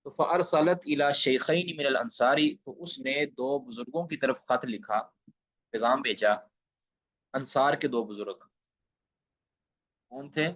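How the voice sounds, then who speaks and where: A man's voice: mid-range voice, long pauses, a bit bright, no room sound. A man from Pakistan gives an online Islamic studies lecture, explaining each Arabic phrase and repeating the key points with emphasis. His voice sits in an ordinary middle register. The sound comes through a dull, lo-fi call that is dry and close. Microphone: video call. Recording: dull lo-fi online class audio.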